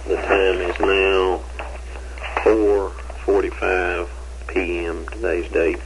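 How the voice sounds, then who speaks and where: A man's voice: low-pitched, level tone, slow. A man, a police investigator, asking formal, methodical questions, heard on an old interrogation tape recording. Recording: roomy old tape with faint hiss.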